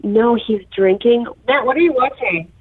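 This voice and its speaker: A woman's voice: fairly high pitch, moderate pace, breathy edge, dry recording, narrow, tinny audio. A woman in her thirties with a mix of Valley and Midwestern accent, a podcast guest chatting over an internet call, bubbly and laughing often. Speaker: podcast guest, stay-at-home mom. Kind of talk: casual chat.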